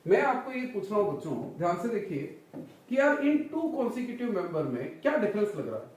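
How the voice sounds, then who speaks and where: Fast and high-pitched with big pitch swings, a man lectures on chemistry, quizzing students repeatedly and calling them "children" and "son." He sounds far from the mic, off-axis in a very echoey room.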